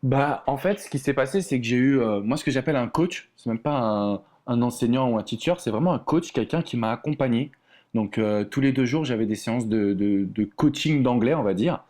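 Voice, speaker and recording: A man's voice: mid-range voice, brisk, a little mellow. Chatty French-born man, guest coach. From France. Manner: chatty, many fillers and restarts. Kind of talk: casual podcast interview talk.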